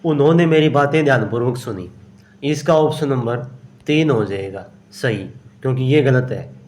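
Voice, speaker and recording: A man's voice: medium pitch, darkish tone. A man teaching exam-prep grammar, working through each question aloud and answering his own questions. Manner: explains step by step, asks and answers himself; slow and unhurried, often says "okay". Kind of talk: solving a grammar test aloud.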